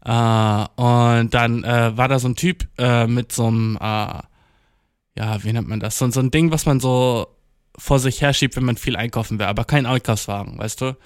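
A man's voice: medium pitch, fairly even intonation, moderate pace, clean tone, dry recording, clean studio sound. A young man in a casual, rambling monologue, heavy with slang and English words, acting out the voices in his stories. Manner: acts out quoted dialogue while storytelling. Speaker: solo talker.

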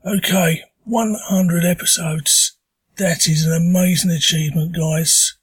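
An Essex man speaks informally, as if leaving a message for friends. His voice is fairly high for a man and noticeably husky, hoarse with a sore throat. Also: steady tone, measured pace. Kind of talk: informal recorded congratulatory message.

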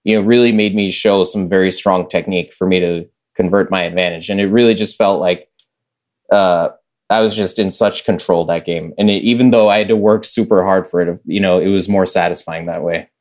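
A man's voice: sits low, steady tone, fairly quick, darkish tone. A young man chatting as a podcast guest, rambling with lots of filler words. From United States. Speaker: podcast guest, chess master. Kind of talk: casual conversation.

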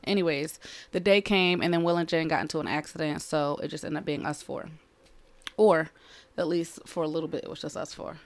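A woman's voice: low voice, fairly even intonation, fairly quick, dry recording. A woman co-hosting a podcast at home, telling a rambling story in casual chat. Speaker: podcast co-host.

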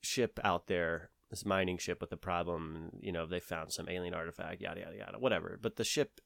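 A man's voice: low voice, steady tone, fairly quick, creaky, a bit bright, no echo, studio quality. A man from the American South with a Southern accent, telling a long story in casual conversation, rambling with many fillers and restarts.

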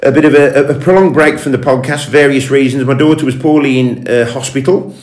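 A man's voice: medium pitch, steady tone, brisk, darkish tone. A man hosting a podcast interview in a conversational style. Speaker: podcast host. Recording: roomy, echoey sound.

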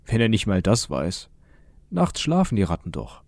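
A man voicing a kindly older man with bent legs, speaking gently and coaxingly in an audiobook reading. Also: lowish voice, wildly swooping pitch, moderate pace, dry recording, studio quality.

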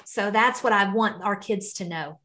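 A woman's voice: mid-range voice, normal speed, sharp tone. A woman talking conversationally as a podcast guest, in an earnest, encouraging way. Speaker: podcast guest, financial educator for parents. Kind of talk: conversational interview talk.

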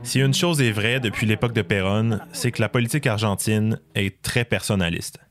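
Low-voiced man narrating over soft music. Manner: measured, explanatory. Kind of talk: scripted documentary narration. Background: faint music.

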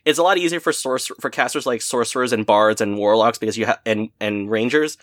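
A man talks in a relaxed, meandering way, stumbling and restarting before he finds his point, with laughter never far off. His voice sits in an ordinary middle register. The sound is dry and close, with no room around it. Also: mid-range voice, quick pace, dry recording. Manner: rambling, many restarts, laughs often. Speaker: guest game master. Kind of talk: casual podcast chat.

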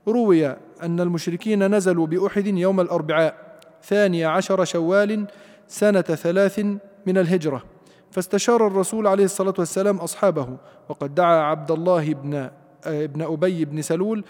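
A man reading a classical commentary aloud in a steady recitation, repeating some phrases. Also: high voice, brisk, long reverb tail. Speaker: student reading the text aloud.

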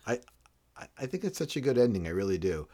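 A man co-hosting a casual comic book discussion, animated and reading dialogue aloud. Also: on the low side, fast talker. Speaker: podcast co-host.

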